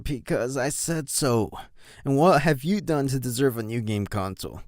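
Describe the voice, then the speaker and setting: A man's voice: medium pitch, normal speed, no echo, clean studio sound, lightly acted. A man voicing a grumpy young adult male pony, curt and threatening toward his little brother.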